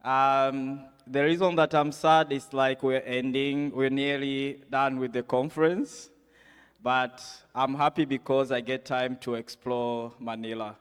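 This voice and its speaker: A man hosts a conference session at an unhurried pace, his voice smooth and clear. He keeps things loose, with fillers and questions to the crowd. The sound rings with the long reverb of a large hall. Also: mid-range voice. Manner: relaxed, filler-heavy, audience-prompting. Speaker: session moderator.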